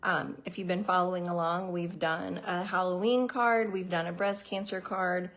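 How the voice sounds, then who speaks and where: A woman's voice: fairly low pitch, fairly even intonation, normal speed, a bit bright. A middle-aged woman from Missouri hosting a card-making livestream, chatty and rambling with many ums, a little out of breath. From Missouri, USA. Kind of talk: casual livestream chat.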